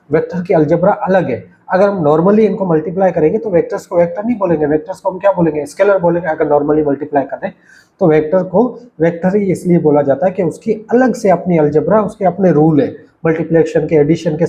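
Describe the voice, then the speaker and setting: Dark-voiced male teacher at a writing board. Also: on the high side, fast talker. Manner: patient, repetitive explaining with frequent checks. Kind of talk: recorded lecture. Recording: dull lo-fi recording.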